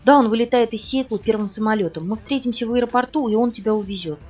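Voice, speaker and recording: Lady reading a brisk young woman, calm and reassuring, fast talker. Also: a little high, breathy edge. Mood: brisk reassurance. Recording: dull, distant recording with faint music.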